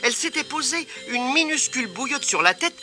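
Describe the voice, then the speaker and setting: A man narrating a children's storybook, expressive and lilting. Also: extremely high pitch, brisk, over music.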